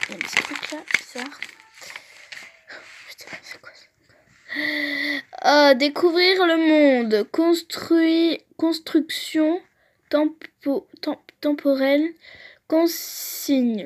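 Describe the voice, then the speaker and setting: Young female vlogger, fairly high voice, chatty and joking, drifts into mumbles. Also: takes it slowly. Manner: chatty, reads aloud and jokes, trails off into mumbles. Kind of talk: casual vlog commentary.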